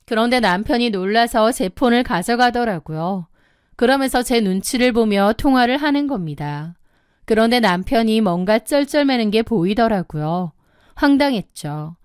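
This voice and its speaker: A woman in her thirties telling a first-person story in a measured, indignant way. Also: fairly high pitch, animated, a little mellow, clean tone, no echo, studio quality. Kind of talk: scripted first-person narration.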